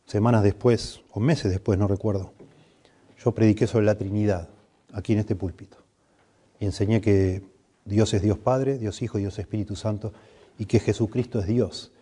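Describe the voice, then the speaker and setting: Low, dark-voiced Rioplatense pastor preaching. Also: male voice, steady tone, normal speed, husky. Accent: Rioplatense Spanish. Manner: earnest, grows emphatic on scripture. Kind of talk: sermon. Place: church sanctuary.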